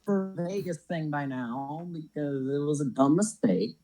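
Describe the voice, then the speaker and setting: A woman's voice: low-pitched, a little slow, crowd noise. A woman joining a casual podcast chat with short, wry interjections.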